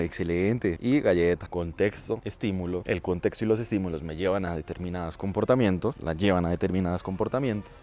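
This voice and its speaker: A man's voice: mid-range voice, a little mellow. A man explains behavioral psychology in a casual monologue. He stacks up repeated rhetorical questions and breaks off to give commands to his dogs. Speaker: psychology educator.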